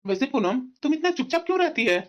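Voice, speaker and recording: A man voicing a calm young husband and obedient son who speaks mildly. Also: extremely high pitch, fast talker. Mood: coaxing. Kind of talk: cartoon voice acting. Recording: dull, noisy, distant audio with clicks.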